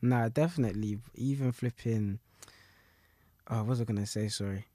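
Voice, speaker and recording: A man's voice: fairly low pitch, normal speed, a crowd in the background. A young man with a London roadman accent talks casually in loose, slangy street language, often repeating his phrases. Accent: London roadman, Multicultural London English. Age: young adult. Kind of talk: casual conversation about music.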